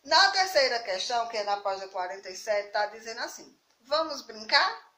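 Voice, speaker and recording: A woman teacher with a Brazilian Portuguese accent, explaining a spelling lesson to young children slowly and patiently, often checking if they follow. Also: medium pitch, big pitch swings, sharp tone, far from the mic. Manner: slow, patient explaining with frequent "tá certo?" checks. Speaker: primary school teacher. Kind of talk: remote class lesson. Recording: roomy, from off the mic.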